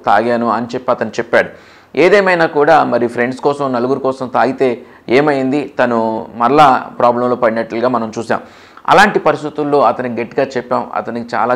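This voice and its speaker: An earnest man in the role of a doctor tells a patient's story at an even, middling pitch. He circles back over his warnings, repeating key points to press them home. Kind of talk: earnest first-person account.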